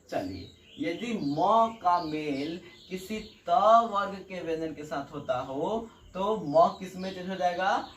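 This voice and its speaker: A man teaching a grammar lesson at a whiteboard. He goes step by step, repeats key points and keeps asking the students check questions. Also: high voice. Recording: echoey room, mic far off, birds outside.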